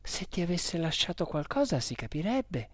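A reader of a storybook voicing a worried middle-aged mother who speaks in a hushed, anxious warning tone. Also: mid-range voice, very animated, normal speed, dry recording, voice pushed up.

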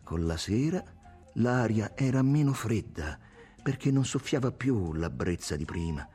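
A man narrating a literary novel aloud with an expressive reading. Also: fairly low pitch, unhurried, faint music behind. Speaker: audiobook narrator.

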